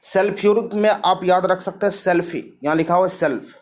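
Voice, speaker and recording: A man's voice: high voice, fairly even intonation, a little fast. A man teaching a lesson, explaining memory tricks and asking and answering his own questions.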